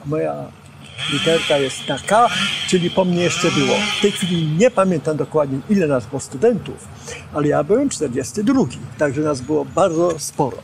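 An older man with a high voice recalls his teachers with lively, gesturing storytelling. He stands outdoors and is picked up on a boom microphone, with faint ambient noise around him. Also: normal speed, vocal fry. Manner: animated storyteller, gestures while speaking, acts out quotes. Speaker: former student and preacher recalling his teachers. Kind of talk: reminiscing interview. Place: outdoors on a campus lawn.

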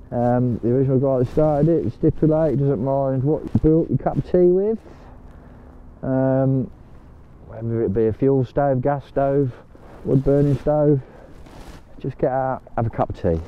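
An older man with a medium-pitched voice chats casually to camera as he kayaks on a canal, occasionally speaking to his dog. The vlog audio has its highs cut off and carries a little hiss or hum.

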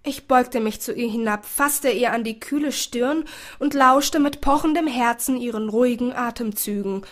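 A woman narrating a story in the first person, expressive and emotional. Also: a little high, normal speed. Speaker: audiobook narrator.

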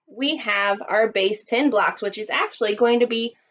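A woman's voice: fairly high pitch, moderate pace, a bit bright, a little hiss or hum. A woman in her thirties teaching young children in a kids show host manner, prompting them and counting along. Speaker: elementary school teacher. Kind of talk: math lesson for young children. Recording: dull lo-fi webcam sound.

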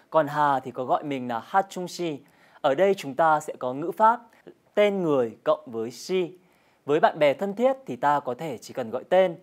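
A woman's voice: low voice, a little mellow. A woman co-hosting a scripted television language lesson, guiding viewers through drills and games in a friendly way. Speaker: Korean language teacher co-host.

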